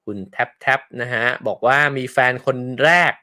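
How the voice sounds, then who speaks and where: Chatty Thai man hosting a show. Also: moderate pace. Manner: polite, chatty, ends phrases with soft particles. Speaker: podcast host. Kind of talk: casual solo book talk with live listener messages. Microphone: close microphone.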